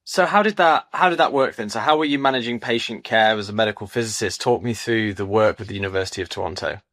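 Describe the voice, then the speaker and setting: A man's voice: lowish voice, fast, fairly bright tone, no room sound. Upbeat male podcast host. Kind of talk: scripted intro, then interview questions.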